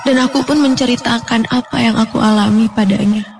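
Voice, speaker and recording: A woman's voice: steady tone, fairly quick, vocal fry, rough recording. Woman narrating a horror story over music. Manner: dramatic, rising to frightened high pitch. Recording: music playing behind the voice.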